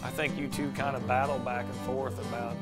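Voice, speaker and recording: A man's voice: medium pitch, little pitch movement, brisk. A man hosting a casual farm show outdoors, joking and laughing easily with friends. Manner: jokey, laughs often. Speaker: host. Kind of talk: casual chat. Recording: music bed under the voice.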